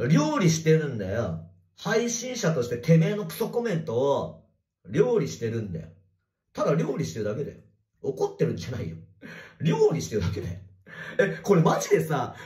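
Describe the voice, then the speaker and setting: A man livestreaming from a bathroom, reading viewer comments in casual chat and swearing at commenters in a rough, teasing way. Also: fairly high pitch, huge pitch swings, quick pace, darkish tone. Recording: echoey bathroom.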